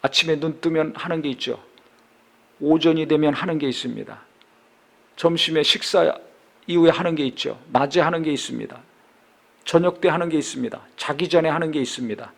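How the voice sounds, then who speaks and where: A man's voice: a little high, moderate pace, vocal fry, long pauses. A middle-aged male pastor reading scripture and then preaching a sermon, posing questions and answering them.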